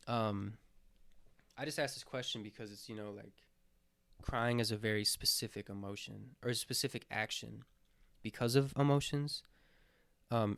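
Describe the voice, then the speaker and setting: A man's voice: medium pitch, clear, resonant tone, dry recording. Earnest rambling young man, dry close sound. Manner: rambling, hesitant, many fillers and restarts; sincere, earnest, swears casually. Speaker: vlogger answering his own question list. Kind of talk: casual reflective monologue.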